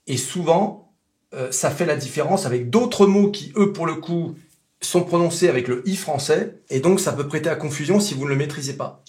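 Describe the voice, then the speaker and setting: A native French speaker giving a casual pronunciation lesson, repeating sounds slowly to demonstrate them. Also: male voice, fairly high pitch, a little mellow. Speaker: English pronunciation teacher.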